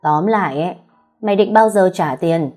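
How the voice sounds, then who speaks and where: A woman voicing a brutal tattooed male debt collector, loud and threatening, reading a story aloud. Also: lowish voice, moderate pace, faint music behind, natural voice. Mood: menacing. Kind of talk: audiobook storytelling.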